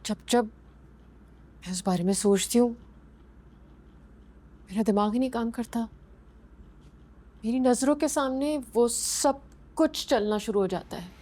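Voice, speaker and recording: An actress with a Pakistani accent playing a grieving young wife who demands justice, speaking with intense, accusing bitterness over music. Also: female voice, on the high side, slow, pauses often, mellow. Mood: anguished. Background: drama score underneath.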